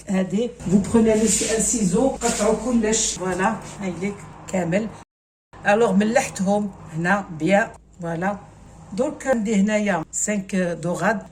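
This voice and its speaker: A woman's voice: mid-range voice, slight background noise. Algerian woman demonstrating a recipe. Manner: casual, mixes in French words. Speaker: cooking channel host. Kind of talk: step-by-step cooking demonstration.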